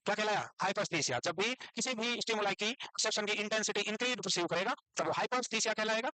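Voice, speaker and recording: A man with an Indian accent teaching a nursing class online, dictating English definitions slowly and quizzing his students. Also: high voice, bright, forceful tone, dry recording, poor audio. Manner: teasing, scolds students playfully.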